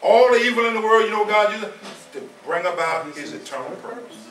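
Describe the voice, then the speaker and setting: Speaking a bit fast in a high, animated, somewhat bright voice, this seventy-something man gives a casual sermon, repeating points for emphasis as if chatting. A far-off camera picks him up in the echoing room of a small church hall.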